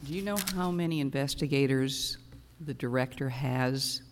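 A man's voice: medium pitch, moderate pace. A man speaking as a presiding judge in formal courtroom proceedings. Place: large courtroom. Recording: reverberant hall, faint noise.

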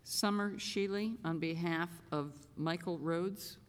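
A woman's voice: fairly low pitch, takes it slowly. A woman presiding as chief justice over a formal ceremony, giving plain, informal directions. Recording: echoey hall, faint noise.

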